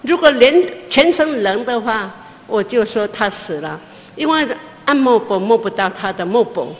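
Woman telling a testimony in a reverberant hall. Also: expressive. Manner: pauses and restarts, pitch climbs as she relives the tension. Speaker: mother giving a personal testimony. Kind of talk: emotional spoken testimony.

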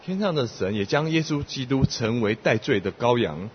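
A man interpreting a sermon phrase by phrase, repeating each line in plain steady wording in a church hall. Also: medium pitch, normal speed, slight background noise. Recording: lo-fi recording with long hall reverb.

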